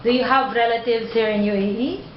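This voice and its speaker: A woman's voice: a little high, fairly even intonation, fairly quick, a little hiss or hum. A woman conducting a job interview, patiently repeating and rephrasing her questions. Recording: dull roomy recording.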